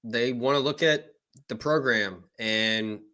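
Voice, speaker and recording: A man's voice: mid-range voice, slow, bright, forceful tone. A man co-hosting a live sports talk stream, giving opinions on recruiting in a casual, conversational way with frequent fillers. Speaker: co-host, recruiting reporter. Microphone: live stream remote setup.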